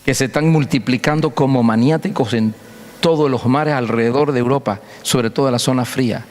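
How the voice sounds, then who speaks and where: A man's voice: medium pitch, fairly quick, darkish tone. Emphatic preaching man in a reverberant church hall. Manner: emphatic preaching with repeated phrases and storytelling. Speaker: pastor. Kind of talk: sermon.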